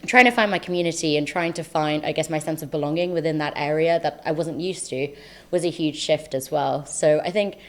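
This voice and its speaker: Speaking fairly quickly in a low-sitting voice, a young woman from South London shares her thoughts with enthusiasm and reflection. She's a medical student with a London accent, appearing as a guest in a relaxed podcast interview.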